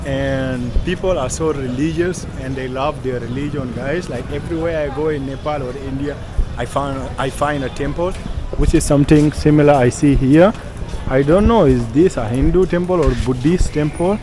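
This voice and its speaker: Brief: high-voiced male travel vlogger from South Sudan, chatty, loud traffic behind. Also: moderate pace. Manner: chatty, keeps addressing viewers as guys. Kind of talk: casual travel vlog. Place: busy street outdoors. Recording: loud street traffic noise.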